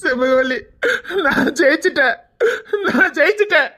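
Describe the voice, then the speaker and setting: A woman's voice: a little high, brisk, a bit bright. Woman doing tearful village policeman. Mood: tearful joy. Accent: Tirunelveli Tamil. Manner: tearful, earnest, affectionate. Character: village policeman husband, emotional and devoted.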